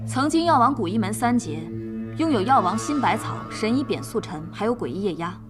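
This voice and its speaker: An actress playing the sharp, self-assured female head of an information network, briefing others. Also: on the high side, lively intonation, fairly quick, music in the background, close to an everyday voice. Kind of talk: period drama acting.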